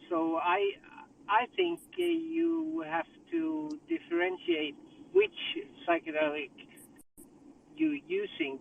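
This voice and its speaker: A man calling in on a speakerphone while driving home, thinking aloud with halting restarts and sounding a bit distracted. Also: on the high side, creaky, slight background noise. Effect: car speakerphone call while driving. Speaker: caller in a group discussion. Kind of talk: casual group call chat. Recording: tinny distant phone line from a car.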